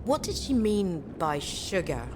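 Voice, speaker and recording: A woman's voice: lowish voice, sing-song, a little slow, noisy background. A woman playing a skeptical, easily embarrassed young daughter in a video game. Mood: uneasy. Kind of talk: video game character acting.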